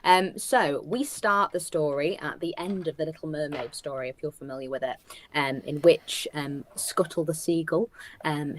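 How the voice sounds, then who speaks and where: A woman's voice: low voice, a little hiss or hum. A woman, a musical theatre writer, chatting casually and upbeat about her show. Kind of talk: casual chat.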